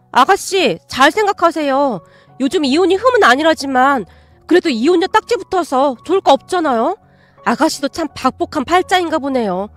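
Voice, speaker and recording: Radio-drama part: a condescending young sister-in-law, high and sing-song, read by a woman. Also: dry recording. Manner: needling, condescending. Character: snide meddling young wife, sister-in-law.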